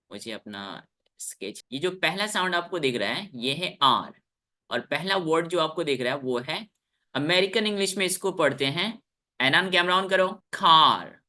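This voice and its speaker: This Indian-accented man teaches English online via video call, working through words slowly and repeating every one three times. His voice sits a little high and sounds pushed and bright, and he treats his pupils sternly.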